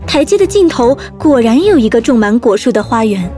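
A woman storyteller narrating a scripted children's story in an expressive way. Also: a little high, brisk, faint music behind.

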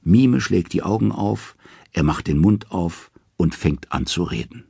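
Deep, gravelly man narrating an audiobook expressively, dry and close. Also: animated, measured pace, mellow, no room sound.

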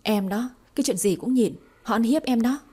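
A woman voicing a protective young man in an audiobook, speaking softly when tender and sharply when indignant. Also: mid-range voice, expressive, a little fast, breathy edge.

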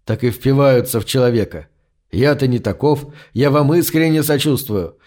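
A man voicing a desperate, scheming man who talks in a wheedling, flattering way in an audiobook. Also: mid-range voice, normal speed, lightly acted. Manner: wheedling, pleading. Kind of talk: audiobook narration.

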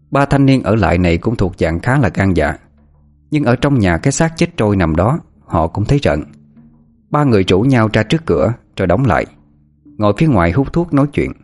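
A man narrating a first-person horror tale in a steady, measured way. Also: lowish voice. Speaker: storyteller.

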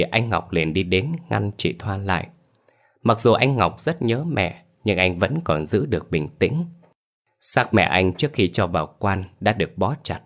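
A man reading a ghost story aloud in a steady, measured storytelling voice. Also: low-pitched. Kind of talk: scripted ghost story narration.

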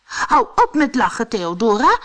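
Woman doing a high excited little storybook guy, always eager to help, voice jumping around. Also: normal speed. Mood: urgent. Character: cheerful little male forest creature, eager helper. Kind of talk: audiobook character voice.

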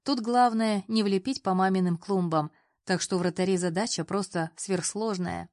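A woman reading a first-person story aloud as a narrator, in an even, lively storytelling manner. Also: medium pitch, moderate pace, dry recording, clean studio sound. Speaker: audiobook reader. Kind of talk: scripted narration.

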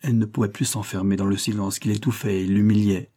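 A man reading a classic novel aloud as an audiobook narrator, in a steady, measured way. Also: lowish voice. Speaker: audiobook reader. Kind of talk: scripted literary narration.

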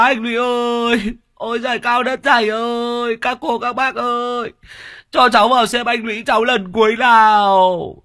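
A high, bright, bawling voice of a chubby young village lackey, as a male storyteller puts him on. He sobs and wails with exaggerated grief. He sounds like a figure in an audio storybook. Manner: loud bawling, sobbing wails. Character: fat short young village man, wailing theatrically.

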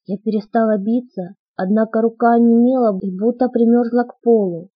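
A woman's voice: on the high side, steady tone, moderate pace, slightly rough, no echo, dull audio. A woman narrating an audiobook in a dramatic first-person storytelling manner.

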